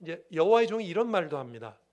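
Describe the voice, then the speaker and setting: Man preaching a sermon, high-pitched, keeps asking the congregation questions, emphatic. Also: very animated, quick pace, a little mellow, highs cut off. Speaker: pastor.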